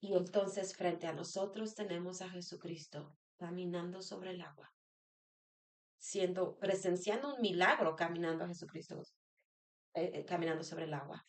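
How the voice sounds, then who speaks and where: A woman's voice: fairly low pitch, fairly even intonation, normal speed. A woman sharing a personal devotional talk as a church member, earnest, repeating phrases and asking rhetorical questions.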